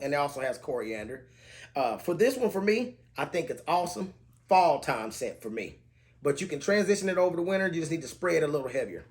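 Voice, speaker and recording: A man with a slightly higher voice gives a casual fragrance review to camera. He talks in a relaxed, conversational way and rattles off scent notes in a steady rhythm.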